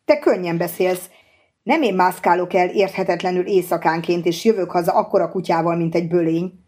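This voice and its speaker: A woman plays a young woman in an audiobook who is annoyed with her boyfriend and presses him with questions. Her tone is indignant and pointed, though the voice stays dark and mellow. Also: on the low side, lightly acted. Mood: reproachful.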